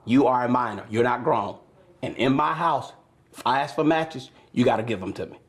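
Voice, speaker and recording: A man's voice: medium pitch, brisk. A middle-aged American man in unscripted reality TV talk, speaking firmly and insistently as a host parent. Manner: firm, insistent.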